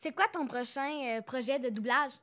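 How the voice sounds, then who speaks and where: A woman's voice: sits high, normal speed, a bit bright. A woman interviewing a guest, asking short, eager questions. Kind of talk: casual interview chat.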